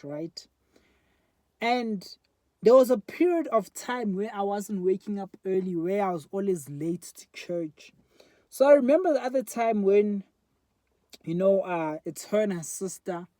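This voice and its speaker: A man's voice: high-pitched, warm tone, no room sound. A man in his twenties with a South African accent, rambling candidly to a phone camera in a casual reflective monologue. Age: 20s. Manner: rambling and candid, many fillers. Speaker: vlogger. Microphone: phone front camera.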